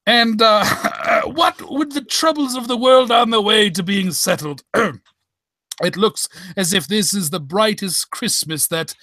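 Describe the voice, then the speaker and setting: Flustered, kindly old doctor, played by a man: high, bright voice, halting slow rambles, radio comedy. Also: no room sound. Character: Doctor Watson, befuddled, sentimental, kindly old storyteller.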